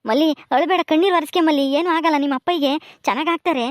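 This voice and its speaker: A woman's voice: high-pitched, racing, dry recording, close to an everyday voice. A woman voicing a young village husband who hurriedly reassures his wife in a village drama. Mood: comforting.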